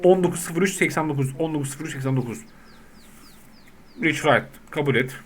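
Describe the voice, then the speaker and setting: A man with a high voice talks through a game in casual commentary. He reads the on-screen text aloud and keeps yelling and swearing at the characters when they misbehave. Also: fairly quick, slight background noise. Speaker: gaming YouTuber.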